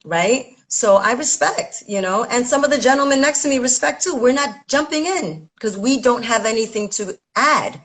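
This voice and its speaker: A woman's voice: a little high, expressive, normal speed, few pauses, fairly bright tone. A woman in her forties, a dancer, talking earnestly in a casual conversation and often checking in with "right?". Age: 40s. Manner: earnest, emphatic, tags points with "right?".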